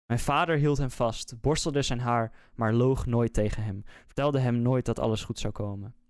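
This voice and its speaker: A man, a podcast host, reading a scary story aloud in a slow, measured, suspenseful way. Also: medium pitch, steady tone, smooth, no room sound, clean studio sound. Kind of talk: scripted horror story narration.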